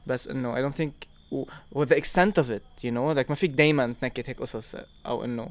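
A man's voice: medium pitch, steady tone, brisk. A young Lebanese man in a casual discussion, constantly switching between Arabic and English mid-sentence.

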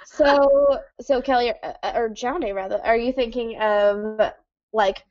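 A woman's voice: on the high side, steady tone, takes it slowly, highs cut off. A woman tabletop player in casual chat, playfully checking details and plans aloud.

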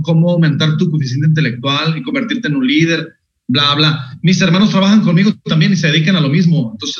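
Mexican guy cracking up over old stories, kinda high voice, echoey room, dull lo-fi sound. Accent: Mexican Spanish. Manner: laughing, animated anecdotes with slang. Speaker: podcast guest, motivational speaker. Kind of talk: casual storytelling chat.

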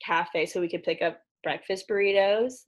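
A young woman hosts a relaxed podcast chat with a gravelly vocal fry. She laughs easily and talks in a loose way, full of fillers. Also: lowish voice, normal speed. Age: young adult. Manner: giggly, chatty with many fillers. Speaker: podcast host.

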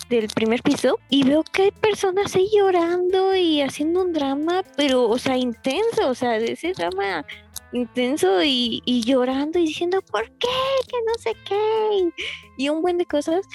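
A young woman with a Mexican Spanish accent tells a story in a chatty, animated way, full of fillers and frequent laughter. Her voice is high-pitched at a moderate pace, with soft music playing behind her.

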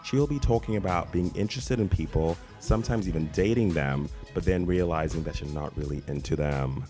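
A young man from Zimbabwe, raised in South Africa, co-hosting a podcast and reading a scripted intro in a measured, announcer-like way. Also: sits low, mellow, faint music behind. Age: young adult. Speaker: podcast co-host.

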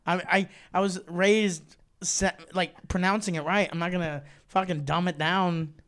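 A man's voice: sits high, fairly even intonation, fairly bright tone. A man in his twenties, a comedian, teasing a friend in casual chat. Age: 20s. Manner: teasing, drawn-out and playful.

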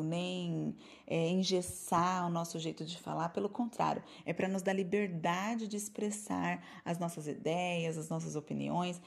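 A Brazilian woman teaching English in a casual online lesson. She speaks in a lively, chatty way, with her pitch in a mid range for a woman, and she slips English words into her explanations. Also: gravelly. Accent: Brazilian Portuguese. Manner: lively, chatty, mixes English terms into speech.

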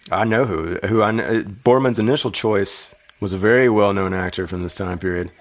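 Man, low voice, casual podcast co-host, dry, teasing, trivia. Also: normal speed. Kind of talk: casual movie-review chat.

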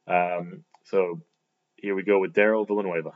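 Low-voiced man on a dull recording. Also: little pitch movement, moderate pace. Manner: hesitant with fillers. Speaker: podcast host. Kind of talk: casual spoken intro.

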